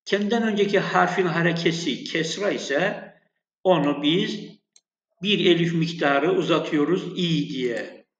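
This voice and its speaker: A man gives a slow, patient lesson on Arabic letters and long vowels. His voice sits a touch high. The recording is echoey and a little dull. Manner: slow, patient, repeats sounds and addresses students as friends. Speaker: Arabic teacher. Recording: echoey, dull lo-fi room sound.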